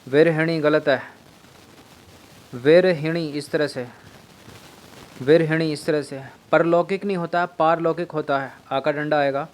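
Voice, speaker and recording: A man's voice: fairly high pitch, steady tone, a little slow, pauses often, a little hiss or hum. Man teaching spelling drills. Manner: drills words by repeating them, asks students questions. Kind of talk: exam-prep spelling lesson.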